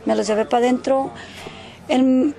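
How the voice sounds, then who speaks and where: A woman's voice: high-pitched, fairly even intonation, normal speed, creaky, dark tone. A woman, a mother and neighbor, telling an interviewer what happened in a rambling way, acting out what people said and slipping English words into her speech. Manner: mixes English words into Spanish. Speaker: neighbor giving a witness account. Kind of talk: casual spoken account, interviewed.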